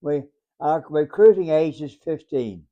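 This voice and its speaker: A man's voice: a little high, unhurried, dull audio, lightly acted. A hundred-year-old man voicing a big, brusque sergeant major in a spoken war memoir, curt and commanding. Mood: brusque, stern.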